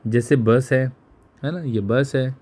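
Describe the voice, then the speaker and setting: A male teacher giving an exam-prep physics lesson, explaining slowly and asking questions that he then answers himself, with English terms mixed into Hindi. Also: mid-range voice, darkish tone.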